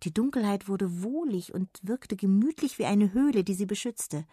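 A woman narrating a children's bedtime story in a calm, gentle, expressive way. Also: medium pitch, moderate pace, breathy edge, dry recording, clean studio sound.

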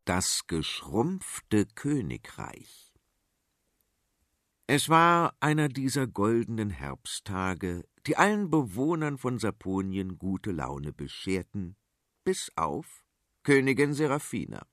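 A man narrating a children's story on the radio with expressive storytelling. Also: lowish voice, slow pace, no room sound, clean studio sound.

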